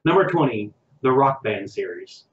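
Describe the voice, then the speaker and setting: A man's voice: medium pitch, lively intonation, moderate pace, roomy sound, highs cut off. A man co-hosting a casual podcast chat, rambling and hesitant as he goes down a list. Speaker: podcast co-host.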